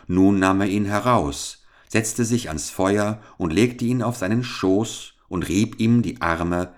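Deep-voiced, slow male storyteller. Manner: calm, measured storytelling. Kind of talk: fairy-tale reading for children.

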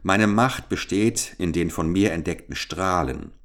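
A man's voice: sits low, unhurried, a bit bright. A man reading a proud ancient scientist-king. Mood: menacing. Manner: imperious, solemn. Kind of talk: audiobook character reading.

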